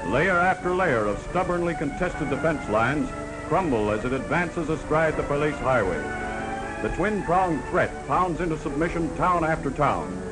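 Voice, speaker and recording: Dramatic old-newsreel man, loud music behind. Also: fairly high pitch, expressive, normal speed, poor audio. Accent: Canadian. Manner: dramatic, declamatory, announcer-style delivery. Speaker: newsreel narrator. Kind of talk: 1940s wartime newsreel narration.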